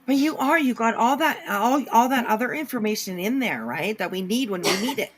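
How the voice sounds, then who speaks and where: A woman hosting a casual livestream, salty and teasing, who playfully hushes her audience in half-whispers. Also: fairly high pitch, lively intonation, fairly quick, a little hiss or hum. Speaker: livestream host reacting to a clip. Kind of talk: casual chat, commentary.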